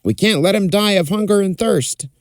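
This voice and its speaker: A man's voice: high voice, moderate pace, no echo, studio quality, voice pushed up. A man voicing an earnest, hesitant young stable hand in a fireside folktale. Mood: earnest, unsure.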